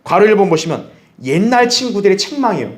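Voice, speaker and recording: A man pastor teaching a Bible study, animated, asking the congregation questions and acting out what others might say. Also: sits high, quick pace. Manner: animated, acts out others' remarks in a raised voice; asks the audience questions. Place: church hall.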